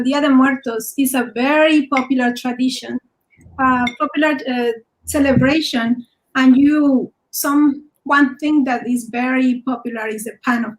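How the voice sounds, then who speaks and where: A woman from Mexico City talks about her cooking in English with a Mexican Spanish accent. Her voice sits high, and she often stops to search for words and fills the gaps with "uh" and "like.". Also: steady tone, slight background noise, poor audio. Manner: halting, searching for words, many fillers. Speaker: home cook guest. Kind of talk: casual show-and-tell talk.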